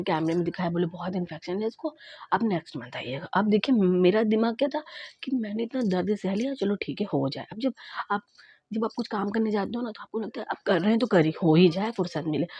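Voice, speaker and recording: A woman vlogger casually recounting her own experience, acting out both sides of the conversations in a lively way. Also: fairly low pitch, breathy edge, no echo, dull audio. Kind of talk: casual storytelling vlog.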